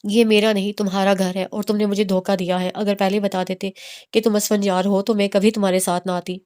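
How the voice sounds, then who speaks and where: A woman's voice: medium pitch, level tone, fairly quick, a little mellow, close to an everyday voice. A woman voicing a proud young widow in a romance novel, bitter and defensive.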